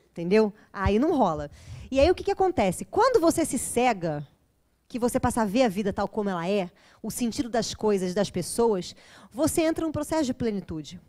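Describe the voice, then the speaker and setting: A woman with a Brazilian Portuguese accent giving a spiritual lecture to an audience, chatty and joking, often asking her listeners to agree. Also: on the high side.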